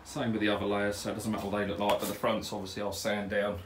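A man chats through his DIY work in a cramped garage, rambling and matter-of-fact, full of "uh, yeah" fillers. The mic sits some way from him, so his voice sounds distant. A steady air conditioning hum and passing traffic run underneath. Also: fairly low pitch, fast talker, reverberant. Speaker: DIY pond vlogger. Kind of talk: casual DIY walkthrough chat. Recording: distant mic with background noise.

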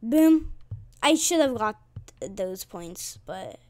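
A woman giving live gameplay commentary as a gaming channel host, excitable and trash-talking, humming to herself while she plays. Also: mid-range voice, takes it slowly, dry recording.

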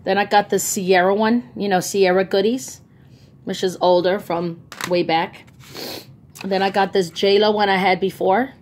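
In a casual haul video shot on a phone she holds off camera, a vlogger enthusiastically shows off her bargains, saying um a lot. Her mid-range voice is darkish and steady, a little slow, with a bit of hiss or hum present.

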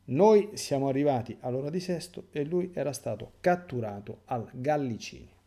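A man's voice: mid-range voice, expressive, normal speed, dark tone. A man reading aloud as a young apostle who is weeping with grief and fear, pleading in a raised, urgent voice. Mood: distressed.

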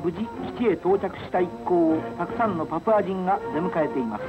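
A man's voice: high-pitched, animated, fast. Man narrating an old wartime newsreel. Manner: formal, solemn announcing tone. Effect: old newsreel sound. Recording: dull lo-fi old film soundtrack. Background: music.

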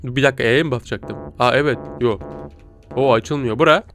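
A man giving joking, excitable let's-play commentary, bursting into laughs and silly noises. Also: mid-range voice, brisk, soft background music. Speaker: gaming YouTuber.

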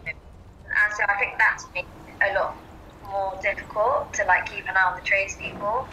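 A woman's voice: mid-range voice, fairly even intonation, normal speed, pushed and bright, a little hiss or hum, low-quality recording. A homeowner woman talking from an office, hesitant and using lots of fillers.

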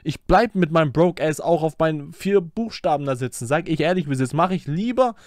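Casting: male streamer, slightly high voice, blunt and mocking, dry close mic. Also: lively intonation, a little fast, darkish tone, no echo. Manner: blunt, mocking, slang-heavy. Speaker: streamer reacting to music. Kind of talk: casual reaction commentary.

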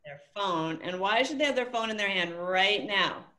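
A woman's voice: medium pitch, expressive, moderate pace, sharp tone. A woman hosting a virtual office meeting, upbeat and directive as she rallies the attendees over a video call. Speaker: meeting host.

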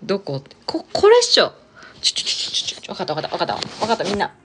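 On a casual live stream, a young woman chats with viewers, reads their comments aloud, and laughs and exclaims often. Her voice is on the low side yet fairly bright, slightly rough, expressive and racing.

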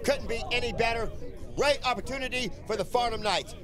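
Male play-by-play football caller, high voice, emphatic and repetitive, over a busy outdoor crowd. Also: fairly quick. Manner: emphatic, repeats phrases. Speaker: play-by-play sports commentator. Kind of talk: live American football commentary. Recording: outdoor field with loud crowd behind. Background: crowd and outdoor field noise.

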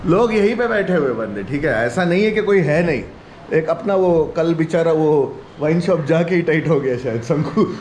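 A man's voice: a little high, lively intonation, moderate pace, darkish tone, a little hiss or hum. A man in his forties chatting and laughing as he vlogs his day to a camera held at arm's length, mixing in English phrases. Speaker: vlogger. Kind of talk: casual daily vlog to camera. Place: home, then outdoors at night. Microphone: handheld action camera at arm's length.

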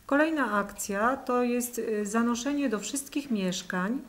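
A woman's voice: a little high, a little slow. A middle-aged woman, a mayoral candidate, giving an earnest statement at a press conference with frequent hesitations, recorded indoors on a table microphone.

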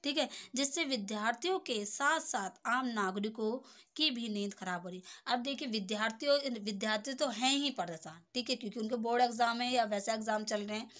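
Speaking a little fast in a slightly high, fairly bright voice, a young adult woman gives an informal lesson as a tutor. She walks through each step and repeatedly checks for understanding with tag phrases.

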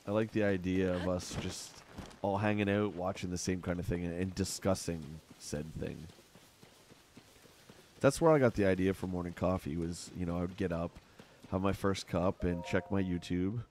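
Deep and darkish, his voice holds a fairly even intonation at a moderate pace, with a slight hiss or hum in the background. The middle-aged Canadian is gaming on a home live stream, rambling chattily and fielding questions from chat.

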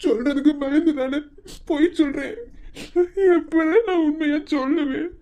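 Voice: high-pitched, steady tone, normal speed, mellow. A performer voicing an anxious, lovesick young man in a cartoon, self-pitying, with a Madurai accent. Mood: despairing. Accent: Madurai Tamil.

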